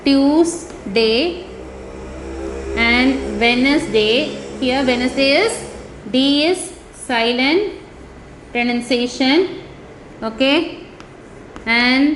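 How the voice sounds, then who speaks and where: Her high voice comes very slowly, broken by long pauses, as she teaches young children with a Tamil accent. She alternates Tamil and English and spells words letter by letter, and the room is echoey with faint noise.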